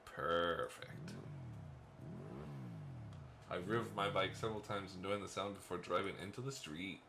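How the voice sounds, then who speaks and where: A deep-voiced man reads a visual novel's narration aloud for a let's play, slipping in playful asides and small laughs. His voice sits low, with faint noise behind it. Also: measured pace. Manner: first-person game narration, playful asides and chuckles.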